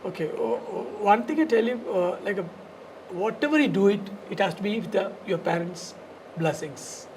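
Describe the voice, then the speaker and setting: A man with a South Indian accent and a gravelly, creaky voice, telling his story conversationally in loose, fragmented, repetitive phrases. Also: sits high, normal speed, a little mellow, a little hiss or hum, rough recording. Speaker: dance studio founder and teacher, podcast guest.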